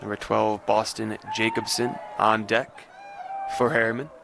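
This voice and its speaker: A man's voice: fairly low pitch, flat delivery, measured pace, gravelly, background noise. A man giving live play-by-play baseball commentary as a sports announcer.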